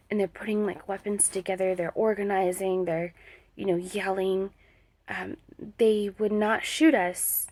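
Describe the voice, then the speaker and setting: A woman's voice: mid-range voice, darkish tone. A woman telling a personal dream story in a rambling way, full of fillers and restarts, with talk of prayer. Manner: religious, speaks of prayer. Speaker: vlogger sharing a dream vision.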